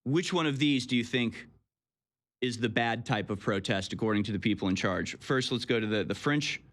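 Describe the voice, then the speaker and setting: A man's voice: medium pitch, normal speed, fairly bright tone. A male talk show host with a mid-range voice, leaning on sarcasm and mockery. He talks through his points in a loose, conversational way. He addresses listeners directly as the host of a call-in show. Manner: sarcastic, mocking. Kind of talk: political commentary on a call-in show.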